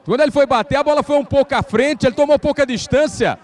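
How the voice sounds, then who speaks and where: A man's voice: very high-pitched, fast talker. A Brazilian man commentating on live football, analysing each penalty kick.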